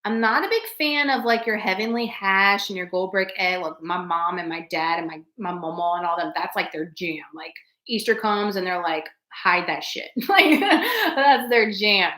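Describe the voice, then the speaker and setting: Lady chatting live w her viewers, bright voice, laughs a lot, echoey room. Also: medium pitch, lively intonation, moderate pace. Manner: chatty, laughs often, talks straight to viewers. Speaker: livestream host reading chat. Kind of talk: casual live chat.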